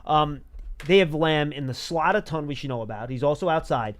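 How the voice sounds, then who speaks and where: A male sports show host talks through football analysis conversationally. His voice sits a little higher than average for a man, with an ordinary, unforced tone. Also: a little fast.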